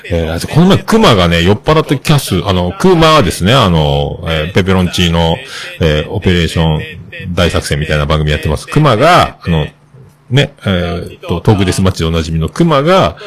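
Man, podcast host, low voice, lively pitch, rambling casual chat. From Fukuoka, Japan. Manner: rambling and chatty, with many hesitations. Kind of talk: casual solo podcast talk.

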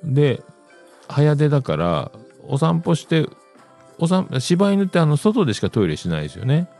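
A man's voice: fairly high pitch, sing-song, normal speed, vocal fry, a little mellow, soft background music. A middle-aged man, hosting a casual solo radio-style show in a rambling, chatty way with self-amused asides. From Yamaguchi, Japan. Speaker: podcast host.

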